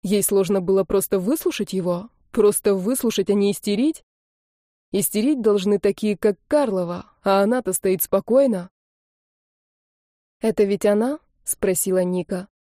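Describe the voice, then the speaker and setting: A woman narrating a romance novel in a calm, even reading on a close mic. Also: medium pitch, moderate pace, no echo. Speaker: audiobook narrator. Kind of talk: storybook narration.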